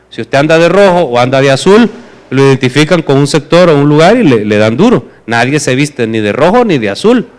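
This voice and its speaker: Male preacher, Salvadoran accent, higher pitch, emphatic sermon delivery. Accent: Salvadoran Spanish. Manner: emphatic, asks the listeners rhetorical questions.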